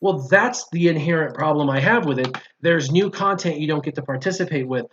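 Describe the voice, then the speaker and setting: A man guesting on a gaming discussion, once a mobile game player, talks fairly quickly in a fairly high, slightly bright voice. He's casual and opinionated and repeats points for emphasis, and the dull lo-fi recording carries a little hiss or hum.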